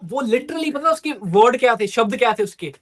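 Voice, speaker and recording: A man's voice: very high-pitched, expressive, normal speed, fairly bright tone. A man telling a crude, teasing story in a casual video chat on a phone.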